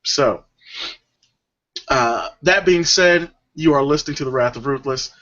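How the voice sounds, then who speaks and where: A man hosts a podcast in a laid-back, rambling style, full of ums and asides. His voice sits a little high for a man. The audio is dull and lo-fi. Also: a little fast, bright, forceful tone. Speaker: podcast host. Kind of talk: casual podcast chat.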